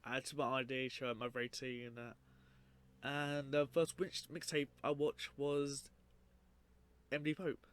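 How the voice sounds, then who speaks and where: A man's voice: medium pitch, little pitch movement, a little slow, pauses often, fairly bright tone, clear, resonant tone. Rambling man telling his story casually. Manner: rambling, informal, trailing off with 'like' and 'you know'. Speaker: documentary narrator and video creator.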